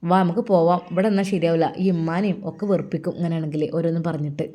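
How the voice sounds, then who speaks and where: A woman's voice: lowish voice, fairly even intonation, racing, warm tone, close to an everyday voice. A woman voicing an angry, stubborn sister-in-law who scolds and threatens. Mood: sulky.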